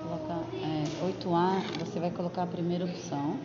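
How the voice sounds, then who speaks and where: A woman's voice: fairly low pitch, a little fast, loud music behind the voice. Patient Brazilian woman teacher, echoey classroom. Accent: Brazilian Portuguese. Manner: patient, explains step by step with frequent tag questions. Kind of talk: classroom explanation. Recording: echoey, dull lo-fi room recording.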